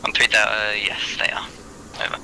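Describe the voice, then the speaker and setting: A man's voice: on the low side, monotone, moderate pace, bright, forceful tone, a little hiss or hum, poor audio. A man heard over a game radio as section commander, giving clipped, formal reports with callsigns and "over". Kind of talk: radio voice procedure in an online military game.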